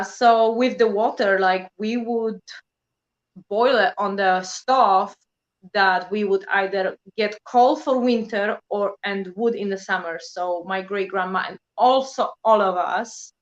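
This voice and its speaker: On a lo-fi recording, a medium-pitched woman from Poland, in her thirties and with a Polish accent, chats informally as a guest. Her storytelling is lively and heavy on fillers, "you know" among them.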